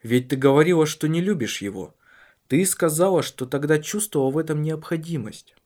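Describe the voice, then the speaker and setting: A man voicing a calm, measured husband in an audiobook, speaking earnestly and carefully. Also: fairly high pitch, pitched above the performer's own voice, natural voice. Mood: earnest, probing.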